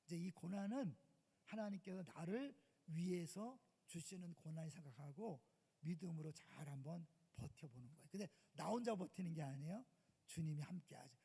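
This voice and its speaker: A male pastor preaching in a church sanctuary, his high voice mellow and gravelly. He swings from loud emphatic outbursts down to hushed asides, and long reverb trails each phrase. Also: expressive, moderate pace. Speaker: senior pastor. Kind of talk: sermon.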